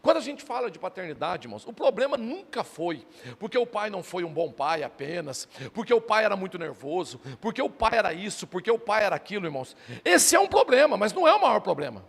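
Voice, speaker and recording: A man's voice: high voice, sing-song, fast, vocal fry. A middle-aged male pastor preaching a sermon, emphatic and repeatedly calling out to his listeners as brothers. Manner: emphatic preaching, often addressing "irmãos". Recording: long reverb of a church hall.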